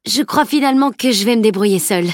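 A woman's voice: a little high, fast, no room sound, clean studio sound, pitched above the performer's own voice, lightly acted. A woman reading the part of a cheeky teenage boy who protests and teases, in a raised, strained voice. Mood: whiny protest. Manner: protesting, teasing.

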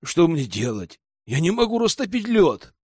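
A man's voice: on the high side, very animated, moderate pace, a little mellow, breathy edge, no room sound, clean studio sound. A man voicing a whiny, indignant young female witch student in an audiobook. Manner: whiny, pleading.

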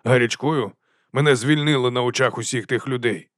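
A man voicing a gloomy, curt middle-aged watch captain in an audiobook, speaking slowly. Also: medium pitch, a bit bright, no room sound, studio quality, natural voice. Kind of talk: audiobook character voice.

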